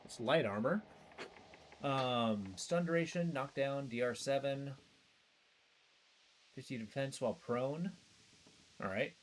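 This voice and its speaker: A man's voice: mid-range voice, slow pace, pauses often, rough recording. A man giving casual commentary as he plays a video game, sometimes reading the game text aloud. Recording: faint background noise.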